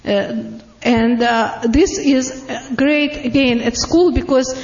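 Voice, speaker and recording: A woman with a strong Russian accent demos devices to a live audience, pausing often on fillers and laughing readily. Her voice sits high. The recording is roomy and dull, like a lo-fi capture of a meeting room. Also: fairly even intonation, a little mellow, a little hiss or hum. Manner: halting, many "uh" fillers, laughs easily. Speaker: product presenter. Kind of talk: live product demonstration to an audience.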